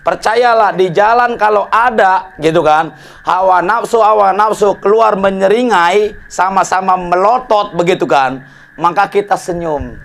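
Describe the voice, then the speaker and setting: A man's voice: high-pitched, a little slow, creaky, a bit bright. A man preaching a casual study sermon, joking in slang and often asking the listeners to agree. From Indonesia. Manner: jokey, colloquial, asks audience for agreement. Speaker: Islamic preacher.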